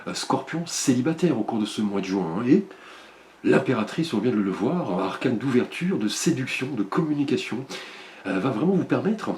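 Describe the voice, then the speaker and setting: A man giving a monthly tarot and astrology card reading, speaking gently with many fillers. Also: mid-range voice, sing-song, normal speed. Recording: roomy echo.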